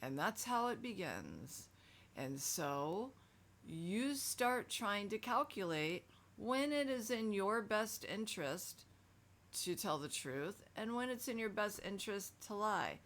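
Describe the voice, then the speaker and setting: A woman's voice: mid-range voice, big pitch swings, slow, fairly bright tone. A middle-aged woman talking casually and emphatically in a self-help video, frank and conversational.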